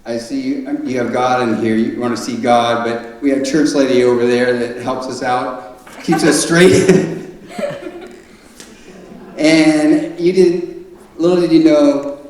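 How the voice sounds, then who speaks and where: A man's voice: medium pitch, steady tone, a little mellow. A middle-aged man giving a father of the bride wedding speech in a folksy, conversational, joking and sentimental way. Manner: folksy, conversational, joking delivery with halting asides. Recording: very echoey room, distant mic, noisy.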